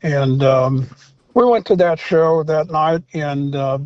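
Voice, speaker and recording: Older male guest, slightly high voice, rambling anecdotes, dull lo-fi dry sound. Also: slow pace, dry recording. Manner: rambling anecdotes with many fillers and restarts. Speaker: interview guest, former rock singer. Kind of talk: storytelling in a casual interview.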